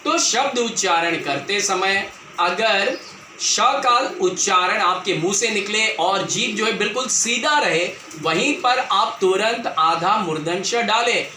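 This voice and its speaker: A man's voice: high voice, sharp tone. A man teaching a grammar lesson to viewers, explaining patiently and repeating himself often. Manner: patient, repetitive explaining, addresses viewers as children. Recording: echoey room, faint background noise.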